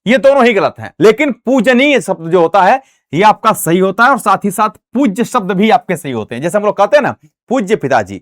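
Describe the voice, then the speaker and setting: Man, Bihari accent, exam-prep spelling lesson, very expressive, talks to his students. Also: sits high, brisk, no room sound, clean studio sound. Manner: explains each point by addressing the students. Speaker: teacher.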